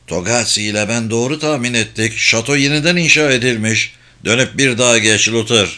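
Man voicing a seasoned older spy, calm commanding tone, bright and forceful, audiobook thriller. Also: mid-range voice, fairly quick, natural voice. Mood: urgent, calm.

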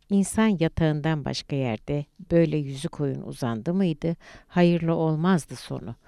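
A woman reading a literary novel aloud in a measured, deliberate audiobook narration. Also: low voice, gravelly, dark tone, smooth, no room sound, clean studio sound.

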